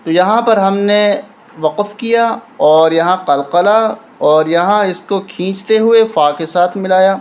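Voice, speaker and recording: A man teaching a recitation lesson, patiently spelling out letters and rules one at a time. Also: high-pitched. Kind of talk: step-by-step tajweed lesson.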